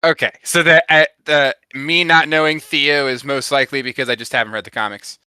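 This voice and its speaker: A man's voice: mid-range voice, fairly even intonation, brisk, bright, forceful tone, clean tone, dry recording. A man co-hosting a podcast, giving feedback in casual chat and often hedging and correcting himself agreeably.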